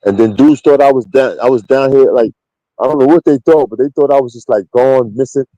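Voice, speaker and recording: Blunt New York man, dark dry voice. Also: mid-range voice, brisk, no echo, dull audio. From Queens, New York. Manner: blunt, slangy, emphatic. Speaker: interview guest. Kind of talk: casual street storytelling.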